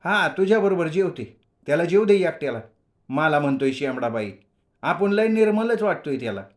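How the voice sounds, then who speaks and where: A man voicing a sharp-tongued, teasing young village girl in a storybook reading. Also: fairly high pitch, lively intonation, pitched above the performer's own voice, lightly acted. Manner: cheeky, quick retorts.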